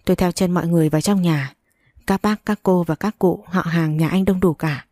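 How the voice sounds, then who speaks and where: A woman reading a first-person love story aloud in a slow, measured way. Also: lowish voice, fairly even intonation, dark tone, no room sound, studio quality. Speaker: narrator.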